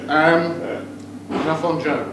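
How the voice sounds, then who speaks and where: Slow and steady in tone, a middle-aged UK man with a voice on the high side gives a teasing toast as father of the groom. Joking asides are aimed at guests in the wedding reception room, and the recording is very echoey, distant and noisy.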